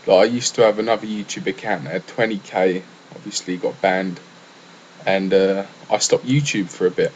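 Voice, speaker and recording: A man's voice: low-pitched, moderate pace, a little hiss or hum, poor audio. A young English man rambling casually through a solo gaming podcast, full of fillers and restarts. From England.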